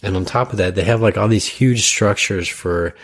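A man's voice: on the low side, normal speed. A man in casual conversation who tells stories in a loose, rambling way with many fillers. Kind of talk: casual chat.

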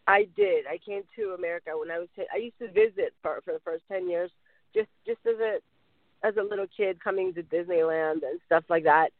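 Man from Mexico, high voice, earnest interview guest who keeps rephrasing; thin phone-line sound, dry. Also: very animated, a little fast, creaky, no room sound. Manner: earnest, circling back to rephrase. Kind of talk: conversational interview answers.

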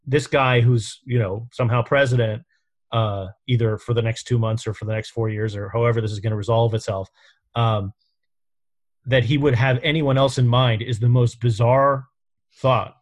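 A man from New York hosts a casual podcast conversation. He thinks out loud, hesitates, and circles back to his questions. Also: medium pitch, fairly even intonation, normal speed. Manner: musing, hesitant, thinks aloud.

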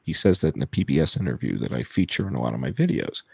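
Guest man heard over a video call, husky gravelly voice, lively emphatic delivery, dry sound. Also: extremely low pitch, fast talker, no room sound. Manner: emphatic, repeats key points. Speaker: guest presenting data. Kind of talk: explanatory interview talk.

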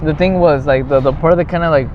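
A young man co-hosting a podcast, chatting casually and haltingly in sweary slang. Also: on the high side, steady tone. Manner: halting, rambling, profane, slangy. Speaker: podcast co-host. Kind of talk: casual chat. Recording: muffled, clearly noisy outdoor traffic background.

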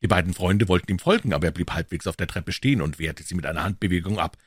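A man reading an audiobook aloud in an expressive storytelling way. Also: low-pitched, quick pace, slightly rough, no echo, clean studio sound. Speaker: audiobook narrator. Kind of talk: scripted narration.

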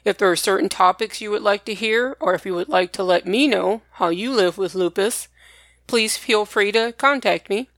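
A woman's voice: medium pitch, normal speed, fairly bright tone, no echo. A woman hosting a personal podcast, speaking directly and plainly to listeners in a partly scripted talk. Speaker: podcast host.

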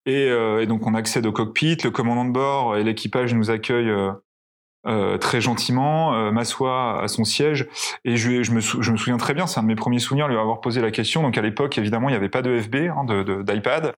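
A man's voice: mid-range voice, a little fast. A male pilot telling flight anecdotes in a casual interview, hesitant with many fillers and restarts. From France. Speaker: pilot guest.

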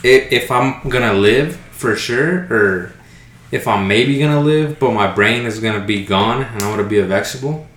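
A man's voice: medium pitch, normal speed, fairly bright tone. A young man speaks earnestly in a casual chat, pressing his point and cutting in to hold the floor. His voice sits in a plain middle range. The room is echoey, with faint noise underneath. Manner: earnest, insistent, repeats "look" to hold the floor.

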